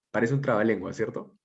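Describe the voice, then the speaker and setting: A man teacher giving an online class lecture, explaining step by step and often checking in with a quick question. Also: lowish voice, creaky. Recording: dull lo-fi audio.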